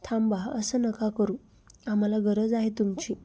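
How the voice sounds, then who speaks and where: A frightened young wife, read by a woman in a story, pleading and tearful. Her voice is mellow and dark, with a flat, narrow melody. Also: medium pitch, measured pace, natural voice.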